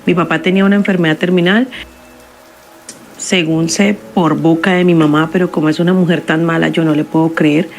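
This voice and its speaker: A woman telling a first-person story in a somber, measured confessional way. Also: sits low, steady tone, a little hiss or hum.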